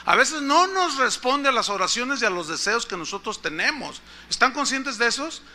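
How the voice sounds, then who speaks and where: A male pastor preaches, telling a story and turning to the congregation with questions. His voice sits high for a man and rings sharp and bright. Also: big pitch swings, normal speed. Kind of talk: sermon.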